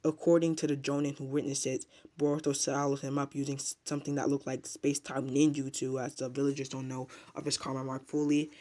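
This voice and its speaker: Flat-toned man recapping a manga chapter. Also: medium pitch, brisk, few pauses. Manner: rambling retelling with filler words and restarts. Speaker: anime manga reviewer.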